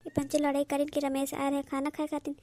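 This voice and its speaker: A woman voicing a gentle, worried elderly mother-in-law with an Awadhi accent. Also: sits high, monotone, fairly quick, dry recording, lightly acted. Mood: complaining.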